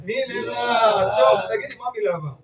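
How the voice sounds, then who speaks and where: A man leading an interactive lesson on Torah cantillation, briskly urging participants to read on. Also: extremely high pitch, over a noisy crowd. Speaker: teacher of Torah reading to teachers. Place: classroom or hall with group. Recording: echoey room, far from mic.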